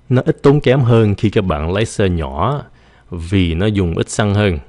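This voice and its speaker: A Vietnamese-speaking man teaching English vocabulary in a casual tone, drilling each word slowly and then explaining it quickly. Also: low voice, darkish tone, no echo.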